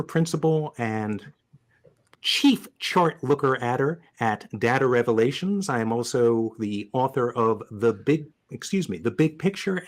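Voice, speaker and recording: A man hosting a live data visualization webcast, upbeat and joking as he introduces his co-hosts and guests. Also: medium pitch. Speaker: podcast host.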